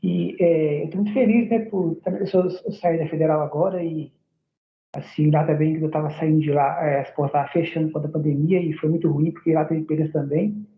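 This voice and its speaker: A man's voice: a little high, fairly even intonation, brisk. A man from Belo Horizonte introducing himself politely and hesitantly as a new master's student on a video call. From Belo Horizonte, Brazil. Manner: polite, hesitant, many fillers. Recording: tinny, echoey call line.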